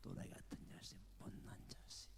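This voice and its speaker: A man's voice: moderate pace, whispered, lightly acted. An older man voicing a scornful official who mocks and insults a general, with muttered asides. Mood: sneering. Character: sneering drunk official mocking a general. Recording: echoey church hall.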